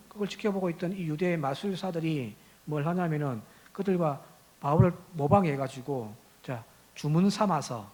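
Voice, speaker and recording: In a church sanctuary, a male pastor with a high voice preaches a Sunday sermon, pressing his points with rhetorical questions. He swings from quiet asides to loud, rising exhortation.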